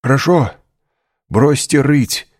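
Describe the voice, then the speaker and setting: A man reading aloud voices an older male prisoner speaking through a wall, quick and businesslike with his questions. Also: mid-range voice, darkish tone, dry recording, studio quality, voice pushed up. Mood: urgent. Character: older male prisoner, hidden behind a wall, brisk and probing.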